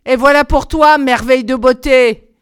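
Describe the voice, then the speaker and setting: A woman voicing a wicked queen disguised as an old peddler woman, shrill, theatrical and sneering, in a storybook reading. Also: normal speed, clean tone, dry recording, clean studio sound, natural voice. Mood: gloating.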